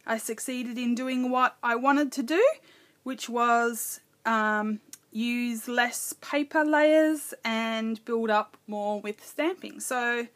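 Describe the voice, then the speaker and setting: Woman, middle-aged, slightly high voice, hosting a casual scrapbooking video; talks through each step and corrects herself. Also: a bit bright. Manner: thinks aloud, self-correcting. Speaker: craft video host. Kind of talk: casual scrapbooking process narration.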